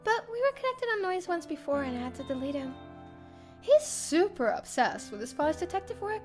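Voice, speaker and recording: A young woman with a high voice, a streamer, reads a first-person visual novel story aloud with lively, swinging intonation. Game music plays behind her.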